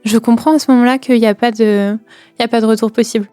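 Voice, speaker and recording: A woman's voice: fairly high pitch, fairly even intonation, fast talker, dark tone, clear, resonant tone, faint music behind. A young woman recounting a personal experience, hesitant, with many fillers and repeated words, sometimes dropping to a near whisper. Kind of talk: personal testimony.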